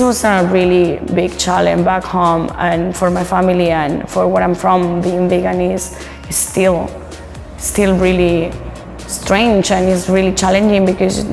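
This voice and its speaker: A native Spanish speaker from Bogota, Colombia, talks in a Colombian accent with a low, gravelly, slightly mellow voice that sounds like it's in a big room. She's a guest and home cook, casually sharing personal stories and cooking.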